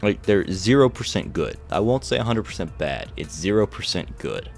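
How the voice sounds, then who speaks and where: A man's voice: fairly low pitch, animated, normal speed, gravelly, soft background music. A man casually chatting through a snack taste test, joking and reacting with exaggerated disgust. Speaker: vlogger reviewing snacks.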